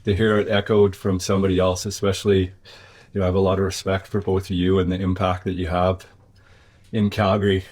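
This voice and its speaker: A man's voice: low-pitched, flat delivery, fairly quick, darkish tone. A man speaking as an interview guest in a reflective, conversational way, thoughtful and often searching for his words. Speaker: interview guest, business owner.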